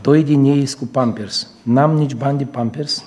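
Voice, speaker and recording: A man preaching, telling stories in a church and swinging between loud raised lines and low asides. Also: fairly even intonation. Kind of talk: sermon with storytelling.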